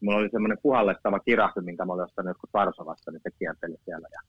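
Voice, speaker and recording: A man's voice: low voice, husky, no room sound. A man in his fifties telling stories as a guest in casual chat, rambling, repeating words and swearing casually. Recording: dull lo-fi sound.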